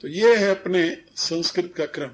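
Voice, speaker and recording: In a lecture recorded in 1993, an older man speaking as a spiritual teacher delivers a religious discourse in a high voice at normal speed. His tone is didactic, and he often chuckles, especially while correcting pronunciation.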